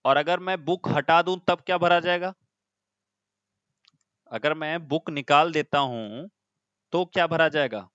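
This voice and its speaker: A man's voice: a little high, measured pace, pauses often, fairly bright tone, clean tone, dry recording, dull audio. A man teaching an online class, explaining step by step and often putting questions to his students.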